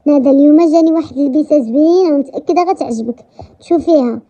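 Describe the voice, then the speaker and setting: A woman's voice: sits high, fast talker, dark tone, lightly acted. A woman with a Moroccan accent voicing a playful, cheerful young dressmaker in a romance story. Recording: dull lo-fi recording.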